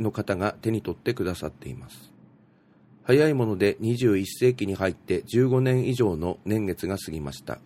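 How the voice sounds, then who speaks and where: A man's voice: on the low side, mellow, a little hiss or hum. A man casually reading out posts and musing on them, with many fillers and asides. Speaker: radio host reading out tweets. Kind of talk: casual talk show reading.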